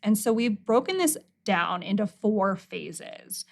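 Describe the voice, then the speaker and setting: A woman's voice: medium pitch, expressive, takes it slowly, vocal fry. A woman co-hosting an education podcast, speaking in a reflective, explanatory way with light laughs. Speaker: podcast co-host, literacy educator. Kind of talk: casual podcast chat.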